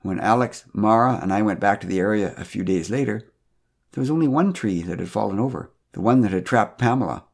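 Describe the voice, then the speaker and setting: A man tells a story for his podcast in a gentle, wry way. His voice is slightly husky, and his pitch moves in a lively way. He has a dry, easy delivery. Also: brisk.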